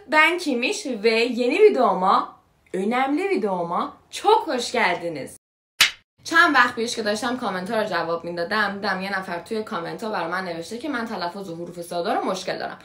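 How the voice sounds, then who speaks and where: A woman's voice: medium pitch, a bit bright, reverberant. A woman giving a casual video lesson on Turkish vowel sounds, chatty and repeating each sound for the viewer to copy. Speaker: Turkish language teacher.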